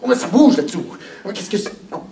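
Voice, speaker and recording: A man's voice: high-pitched, quick pace. Kids' stage pirate, a man acting, boastful and playful, Québécois accent, mic distant, room noise behind. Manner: animated, playful, talks to the children. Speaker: children's entertainer. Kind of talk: live children's stage show. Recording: echoey hall, mic far off, background noise.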